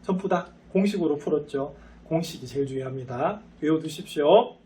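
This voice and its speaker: High-voiced man teaching math. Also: fairly quick, dark tone, distant mic. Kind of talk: recorded math lecture.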